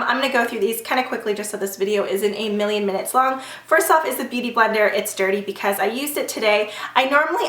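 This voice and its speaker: A woman's voice: on the high side, pushed and bright. A woman beauty vlogger, congested from a sore throat, chatting to camera in a rambling way. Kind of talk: casual chat to camera. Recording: roomy echo, mic at a distance.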